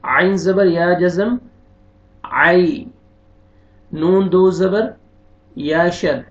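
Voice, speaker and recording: In a slow, spelled-out recitation lesson, a man teaches beginners to read the Quran, going through letters and vowel marks one by one and explaining the rules more quickly and quietly. His voice is high-pitched and the sound is lo-fi.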